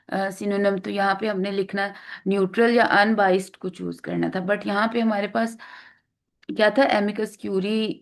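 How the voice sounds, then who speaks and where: Woman teacher explaining vocabulary patiently. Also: mid-range voice. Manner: explains patiently, repeats words, many fillers; mixes English terms into Urdu-Hindi speech. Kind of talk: lecture on exam vocabulary.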